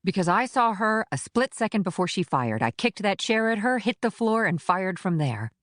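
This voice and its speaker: A woman's voice: medium pitch, very animated, normal speed, a bit bright, no echo, studio quality. A woman voicing a tough, blunt female federal agent in an audiobook, with clipped, defensive delivery. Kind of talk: audiobook character reading.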